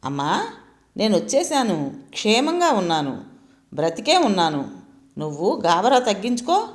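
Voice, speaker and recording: Woman narrator as gentle young daughter, soothing and tender, mid-pitched, storybook reading. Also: sing-song, normal speed, natural voice. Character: young woman comforting her frightened mother.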